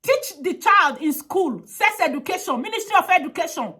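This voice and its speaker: A woman's voice: very high voice, very animated, moderate pace, sharp tone. A woman giving an impassioned advocacy monologue, emphatic and pleading, with heavy repetition.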